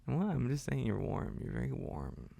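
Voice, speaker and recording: Man playing a sleepy, husky boyfriend, ASMR role-play. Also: mid-range voice, sing-song, moderate pace, exaggerated voice. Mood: playful, drowsy. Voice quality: husky, gravelly, breathy. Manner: drowsy murmur with soft hums and sighs. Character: sleepy, tender, teasing boyfriend comforting his partner. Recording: faint background noise of rain.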